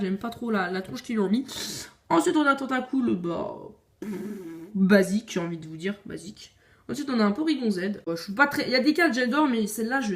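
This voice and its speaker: Chatty, opinionated woman showing off cards. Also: on the high side. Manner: chatty, opinionated, frequent hesitations. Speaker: video creator. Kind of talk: casual card collection showcase.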